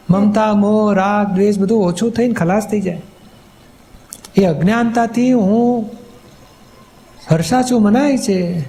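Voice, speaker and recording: A man's voice: sits high, dark tone. A man, a spiritual teacher, patiently explaining in a question-and-answer talk, often checking that he is understood.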